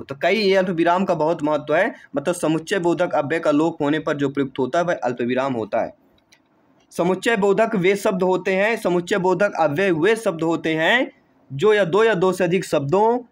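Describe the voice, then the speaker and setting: In an exam-prep lesson, a male coaching teacher works through questions, quizzing listeners rhetorically and repeating the answers. His voice sits a little higher than most men's, and he warmly addresses the audience as dear friends and brother.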